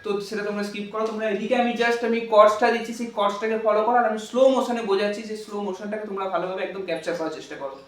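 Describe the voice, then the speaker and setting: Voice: mid-range voice, fairly even intonation, rapid-fire, few pauses. A guitar teacher giving a casual spoken lesson, talking in a loose, repetitive way and checking in with the viewers. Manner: chatty, repetitive, checks in with "clear?"; hums and sings chord parts instead of words. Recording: echoey room, distant mic, loud guitar. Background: guitar and amp playing.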